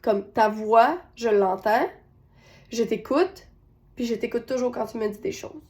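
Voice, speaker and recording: A woman's voice: a little high, unhurried, a little mellow. A woman with a Québécois accent telling a personal parenting story, retelling scenes with quoted voices. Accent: Québécois French. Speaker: parenting coach.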